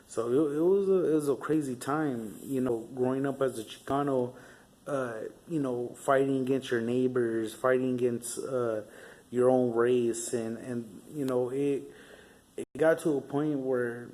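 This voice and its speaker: A young vlogger from Southern California, with a mid-range and slightly mellow voice, spins stories in a casual monologue. He rambles, swears freely, and leans heavily on fillers in his street talk.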